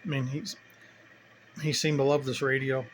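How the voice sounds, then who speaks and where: A man casually showing his radio setup, talking in a relaxed, rambling way as he thinks aloud. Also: mid-range voice, moderate pace, slight background noise. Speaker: CB radio hobbyist vlogger. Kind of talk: casual hands-on demo.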